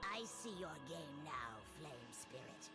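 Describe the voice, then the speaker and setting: Game villain played by an actor: imperious demon spider queen, demonic rasp, highly animated, music underneath. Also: a little slow, close to an everyday voice. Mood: scornful. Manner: theatrical, commanding. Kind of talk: video game villain acting. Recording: loud game music over voice.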